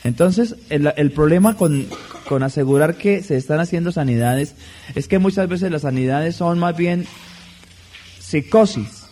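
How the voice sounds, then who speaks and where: A man preaching a sermon in a measured, deliberate way, stressing key words. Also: a little high, warm tone, slight background noise.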